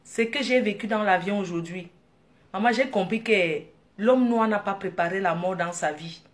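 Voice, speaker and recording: A woman from Africa, telling a story in a casual vlog, animated and laughing with excited bursts. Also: mid-range voice, normal speed. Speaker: vlogger.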